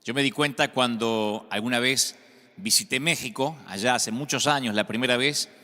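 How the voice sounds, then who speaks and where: A man's voice: medium pitch, moderate pace, pushed and bright. A man with an Argentine accent, a pastor preaching a sermon with conversational storytelling and humor. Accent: Argentine Spanish. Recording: echoey hall sound.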